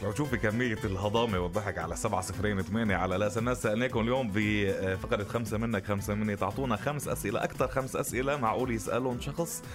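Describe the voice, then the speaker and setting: A man's voice: lowish voice, racing, music in the background. A man hosting a morning radio show, joking with callers and laughing often. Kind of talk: lively radio banter.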